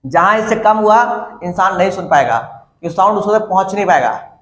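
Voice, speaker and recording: A high-voiced man teaches in a classroom, repeating key words for students to copy down and often checking that they follow. The sound bounces around the room. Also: animated, brisk, a bit bright. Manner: repeats and dictates terms to students, asks them questions. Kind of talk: classroom lecture. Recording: echoey classroom.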